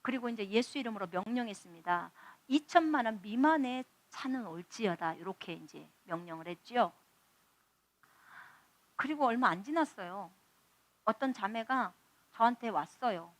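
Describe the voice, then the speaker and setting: A woman's voice: fairly high pitch, lively intonation, moderate pace, no echo. A woman missionary preaching a testimony sermon, telling stories and acting out dialogue with animation.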